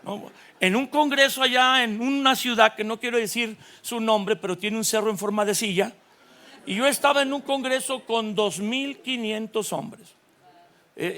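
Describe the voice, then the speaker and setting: A Mexican man in his sixties, a pastor giving a lively, joking sermon at a church conference, full of stories. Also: sits high. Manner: animated, storytelling, jokes with the audience.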